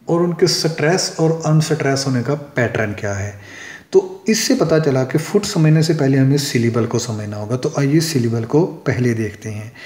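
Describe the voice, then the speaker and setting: A male English teacher gives a lesson in a fairly high voice. He reads definitions slowly and says example words several times to show where the stress falls. The sound carries a clear room echo. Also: a little mellow. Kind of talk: classroom lesson explaining poetic meter. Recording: echoey room.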